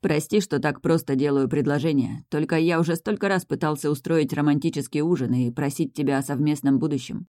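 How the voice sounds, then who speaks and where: The audiobook narrator voicing Miroslav, a tender and protective young male mage who speaks softly and earnestly to the heroine. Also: mid-range voice, fairly quick, few pauses, no echo, studio quality, lightly acted. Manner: soft, earnest and intimate. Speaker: love interest in a fantasy romance audiobook. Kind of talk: scripted audiobook dialogue.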